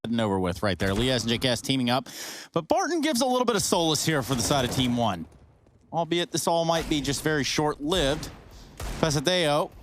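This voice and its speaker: A man's voice: on the high side, sing-song, brisk. A male esports caster speaks in a slightly raised register. He mixes commentary with casual, joking banter over faint game gunfire and noise.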